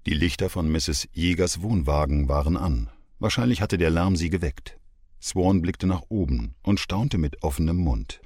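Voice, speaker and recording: A man reading an audiobook novel in an expressive, measured narration. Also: low-pitched, husky, dry recording, clean studio sound.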